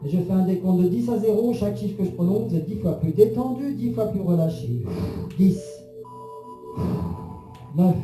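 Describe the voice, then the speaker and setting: A man's voice: high-pitched, dark tone. A man leading a guided hypnosis session in a soothing, repetitive, suggestive manner. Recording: roomy echo under music.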